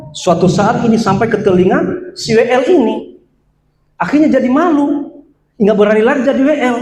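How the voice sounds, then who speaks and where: A male pastor delivers a sermon with a fairly high, lively voice that leaps from loud exhortation down to quiet asides. The sound rings around an echoey church hall. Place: church service.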